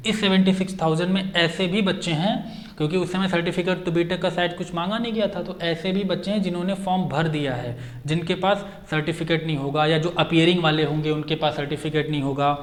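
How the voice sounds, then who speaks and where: This coaching teacher, a man with a fairly high-pitched voice, offers an informal explanation-style update, leaning on repeated key phrases for emphasis and sprinkling in plenty of English.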